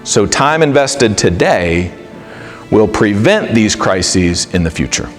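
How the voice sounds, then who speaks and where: A middle-aged man giving an animated, conversational talk to a live audience, acting out quoted dialogue. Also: lowish voice, takes it slowly, faint music behind. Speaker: speaker.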